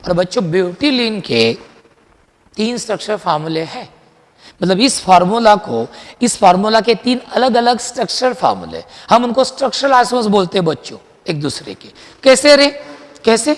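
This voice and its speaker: A man teaching a chemistry lecture in a lively, chatty way, quizzing his students as he goes. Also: sits high, normal speed, in a large hall. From India. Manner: lively, chatty, mixes Hindi with English terms, quizzes students. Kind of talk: classroom lecture.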